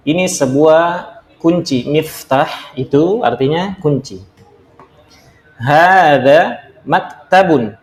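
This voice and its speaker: A man's voice: mid-range voice, echoey room. A man teaching beginner's Arabic from a textbook in a casual lesson, explaining step by step and drawing out each word as he demonstrates it. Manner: slow, drawn-out demonstration of words.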